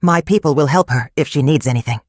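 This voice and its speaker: A storyteller voicing a calm, honorable wealthy young man in a folktale, speaking plainly and evenly. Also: mid-range voice, dry recording, clean studio sound, natural voice. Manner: calm, plain, measured speech. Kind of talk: storybook narration.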